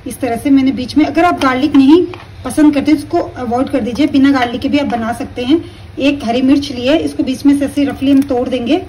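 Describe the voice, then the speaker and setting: A woman calmly explaining each step of a recipe while she cooks at her stove at home. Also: sits high, recorded from a distance, slight background noise, rough recording. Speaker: home cooking teacher. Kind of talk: step-by-step cooking instruction.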